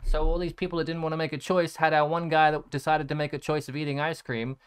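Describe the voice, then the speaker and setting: A man's voice: a little high, little pitch movement, fast, clean tone. A young man telling a rambling, sarcastic story in a casual chat, swearing freely as he looks through his photos. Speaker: content creator.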